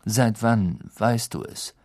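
A man voicing a calm, weary middle-aged teacher in a storybook reading, speaking gently and carefully. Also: fairly low pitch, takes it slowly.

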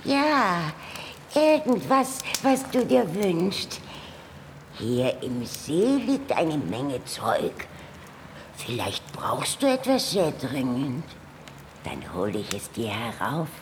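Melodramatic, lonely lake monster, gravelly and slow. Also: female voice, low-pitched, big pitch swings, a little hiss or hum, full character voice. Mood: generous. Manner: dramatic, self-pitying. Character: lonely female lake monster, aggrieved, easily touched. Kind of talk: children's audio drama.

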